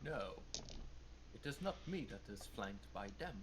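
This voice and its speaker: A man playing a tabletop game, speaking in a deliberate, playfully dramatic way. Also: fairly low pitch, lively intonation, a little hiss or hum. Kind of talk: casual game role-play.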